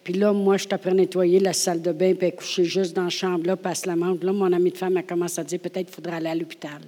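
A woman with a Québécois French accent preaching a sermon, telling the story with animation, laughing often and swinging from hushed asides to loud acted-out lines. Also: on the low side, level tone, quick pace, in a large hall.

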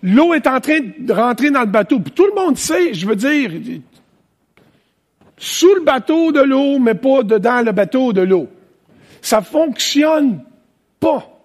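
A man with a Quebec French accent preaching an animated, conversational sermon with plenty of asides. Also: extremely high pitch, takes it slowly. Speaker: pastor. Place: church, preaching to online viewers.

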